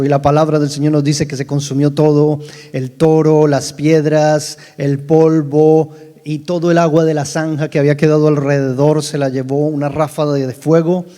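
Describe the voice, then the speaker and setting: Preaching man, warm voice in reverberant hall. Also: on the high side. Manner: animated biblical storytelling with rhetorical questions to the congregation. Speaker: pastor. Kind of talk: sermon. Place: church service in a rented hall.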